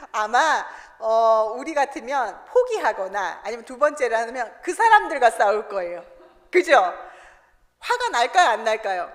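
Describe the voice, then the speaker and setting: A woman preaching a sermon in a church, animated and asking the congregation questions that she answers herself. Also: on the high side, slow pace. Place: church sanctuary. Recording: reverberant church hall.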